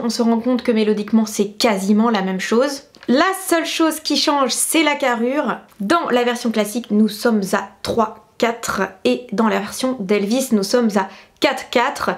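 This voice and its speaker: A woman who is a classical pianist, hosting a casual explanatory vlog in a chatty, emphatic way with frequent hesitations. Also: fairly high pitch. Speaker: classical pianist and video host.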